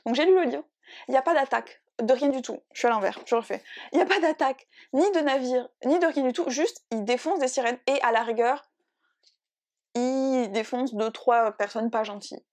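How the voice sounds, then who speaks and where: A bubbly woman chats casually to camera about books and drawing. Her voice sits a little high, and she rambles, corrects herself mid-sentence and breaks into laughter easily. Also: fairly quick, darkish tone. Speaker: book and art vlogger.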